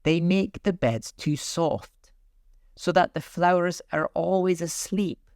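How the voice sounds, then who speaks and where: Storybook: a fiery, commanding female flower, raised pitch, done by a male narrator. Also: takes it slowly, dry recording, clean studio sound. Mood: imperious. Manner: imperious, excitable. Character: fiery, passionate female tiger lily, bossy.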